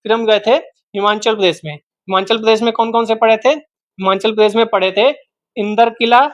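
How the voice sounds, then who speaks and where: A man's voice: high voice, steady tone, normal speed. Man repeating names in a geography lesson. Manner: repeats each name several times, quizzes the viewer. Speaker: teacher. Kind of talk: exam-prep geography lesson. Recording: dull, dry, lo-fi home recording.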